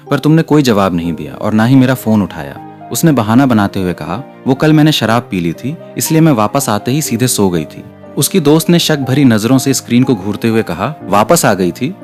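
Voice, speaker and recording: A man's voice: medium pitch, a little mellow. A man narrating a romantic comic recap in the first person, telling the story steadily and reading the quoted lines with only a light touch.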